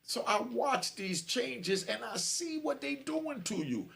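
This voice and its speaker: Speaking slowly in a very high, sing-song voice with vocal fry and a fairly bright tone, a man in his fifties who formerly served time preaches warnings to young people straight to camera.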